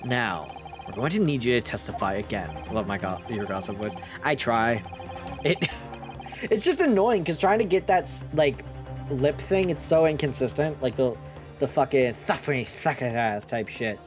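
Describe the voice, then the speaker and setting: A woman live-streaming a game with casual, sweary, excitable chat. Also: extremely low pitch, unhurried, over music. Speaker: streamer reading game dialogue aloud.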